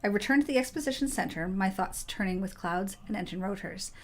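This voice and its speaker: A woman's voice: mid-range voice, expressive, fairly quick. A woman expressively reading the text of a story game aloud.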